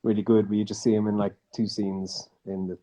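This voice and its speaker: A man's voice: on the low side, flat delivery, a little fast, dark tone, poor audio. A man answering interview questions as a voice actor guest, modest and easygoing, heard over a video call.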